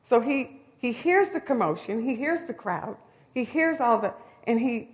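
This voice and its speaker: A woman's voice: a little high, animated, measured pace. A woman preaching a sermon in a conversational, storytelling way, with emphatic rises. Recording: long hall reverb.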